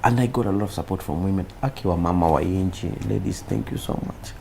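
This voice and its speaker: A Kenyan man with a Kenyan accent, a comedian chatting in an interview, animated and mixing in Swahili. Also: low-pitched, fast talker, gravelly, slight background noise. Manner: animated, mixes Swahili, acts out quoted voices. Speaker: comedian guest. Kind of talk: casual interview chat.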